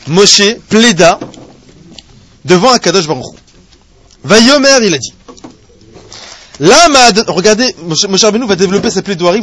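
A man with a high, somewhat husky voice teaches a Torah class to a small group of listeners. He is lively and humorous, peppering his explanation with rhetorical questions and asides to the students. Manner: animated, asks rhetorical questions, jokes with students. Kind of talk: live Torah class lecture.

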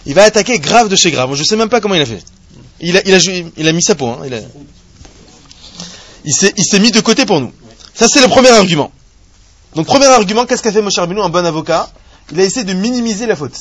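A man teaching a live Torah class to a small group of students, animated and joking, asking rhetorical questions as he explains a text. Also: high-pitched, fast talker, pauses often.

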